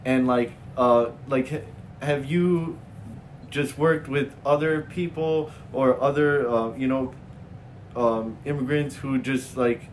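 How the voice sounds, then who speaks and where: A man from Sri Lanka hosting an interview, asking questions haltingly with many fillers. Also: medium pitch, fairly even intonation, a little hiss or hum. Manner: hesitant, many fillers and restarts. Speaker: interviewer, show host. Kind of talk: casual interview chat.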